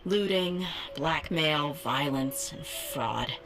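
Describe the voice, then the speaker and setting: A woman's voice: sits low, expressive, drawn-out words, full character voice. A woman playing a tough, frank young mercenary in a video game, speaking in a casual, world-weary, matter-of-fact way. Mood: matter-of-fact, resigned. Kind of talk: video game character acting. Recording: loud music under the voice.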